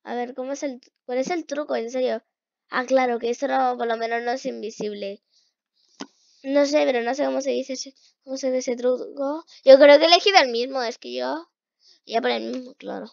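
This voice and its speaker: Excitable high-voiced woman gaming, gravelly edge. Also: a little fast, no echo, highs cut off. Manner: excitable, shrieks at failures, mutters while playing. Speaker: gaming youtuber. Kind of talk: casual let's-play commentary.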